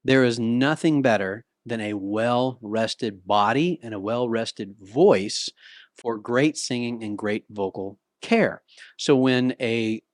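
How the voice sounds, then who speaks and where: A man's voice: mid-range voice, slow pace, no echo, clean studio sound. A middle-aged man giving a casual, conversational singing lesson, sometimes breaking into short sung demonstrations. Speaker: vocal coach. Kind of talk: talking-to-camera singing lesson. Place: Nashville.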